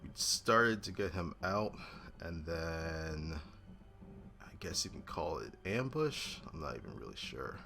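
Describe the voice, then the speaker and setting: Weary, very deep gravelly man. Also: big pitch swings, bright, forceful tone, slight background noise. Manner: weary, halting. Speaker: player recapping a tabletop game. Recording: music under the voice. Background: music.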